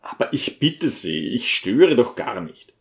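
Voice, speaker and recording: A man's voice: medium pitch, very animated, measured pace, vocal fry. A man reading an audiobook voices a stubborn, indignant male schoolteacher, close to his own voice. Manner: indignant, insistent.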